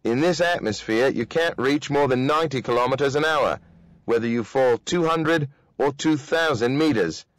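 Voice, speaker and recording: A man doing a firm, brisk commander. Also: mid-range voice, no echo, voice pushed up, lightly acted. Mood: instructive. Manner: firm, instructive.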